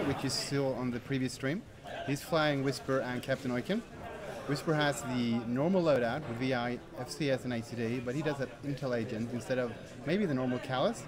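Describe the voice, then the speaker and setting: A man leading live commentary of a tabletop game, brisk play-by-play and reading out fleet lists. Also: medium pitch. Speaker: lead commentator. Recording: crowd chatter of a tournament hall.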